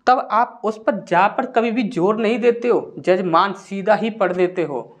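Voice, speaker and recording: Male tutor explaining step by step. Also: high voice. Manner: explains step by step, asks and answers his own questions; sounds out syllables slowly and with stress. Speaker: Hindi grammar teacher. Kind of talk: classroom-style lesson.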